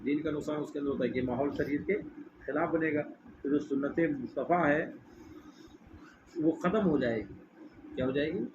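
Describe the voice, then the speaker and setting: A middle-aged religious teacher with a fairly high voice leads a lesson in a hall. He works by questioning his listeners and having them say phrases back to him. The recording is dull and muffled, with a steady hiss of noise behind him. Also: long pauses. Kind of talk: religious lesson with call-and-response.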